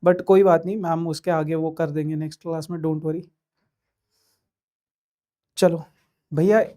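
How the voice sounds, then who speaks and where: A man's voice: high voice, a little mellow. A man teaching a live online class, chatting and joking as he reads viewer messages aloud. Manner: hesitant fillers.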